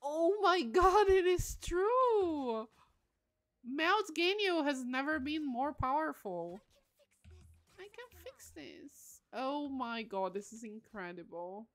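This woman, in her late twenties, has a high, animated voice and talks slowly. She's livestreaming a game and chatting openly and casually, sounding somewhat tired, giggling, and making self-deprecating jokes.

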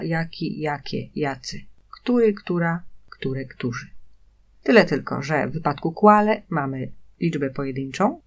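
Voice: mid-range voice, slightly rough, dull audio. A language teacher giving a recorded lesson, patiently saying each example phrase twice before explaining it. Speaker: Italian teacher.

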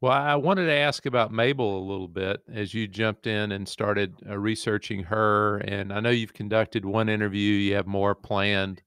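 Deep gravelly man co-hosting a podcast. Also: fairly even intonation, moderate pace, hardly any pauses, a bit bright, no echo, studio quality. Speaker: podcast co-host. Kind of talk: casual interview talk.

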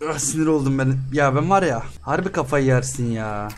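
A man's voice: mid-range voice, animated, a little fast, faint music behind. A man hosting a game let's-play, chatting with the characters on screen as he haggles over prices and often bursts out in exasperation. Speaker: gaming channel host.

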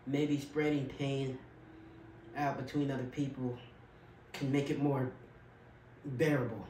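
A man performing a dramatic monologue as a grieving widower, bitter and heartbroken, with a measured, quiet, halting delivery. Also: mid-range voice, flat delivery, slight background noise, close to an everyday voice. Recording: roomy echo, from far off.

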